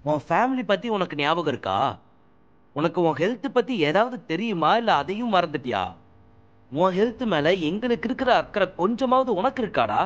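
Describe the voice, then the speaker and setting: An exasperated, scolding young friend. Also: male voice, high-pitched, very animated, lo-fi sound. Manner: loud, exasperated, rapid-fire scolding. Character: young man, hot-tempered, scolding but caring friend. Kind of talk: audiobook drama acting.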